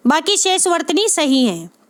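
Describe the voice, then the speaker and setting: A woman's voice: extremely high pitch, sing-song, unhurried. A woman teaching spelling for exams, explaining patiently and repeating each answer with frequent check-ins to her viewers. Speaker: Hindi exam tutor. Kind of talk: exam-prep lesson, repetitive explanation.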